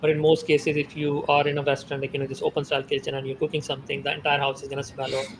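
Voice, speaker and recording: A man from Pakistan, a podcast guest, talking casually in a halting way full of fillers and restarts. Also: fairly high pitch, monotone, background noise.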